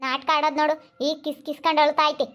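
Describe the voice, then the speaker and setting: A woman playing a shrill, jealous young wife. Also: little pitch movement, racing, lo-fi sound, a little hiss or hum, lightly acted. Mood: mocking. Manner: shrill, angry and indignant. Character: jealous, defiant young wife, hot-tempered. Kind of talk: amateur family drama acting.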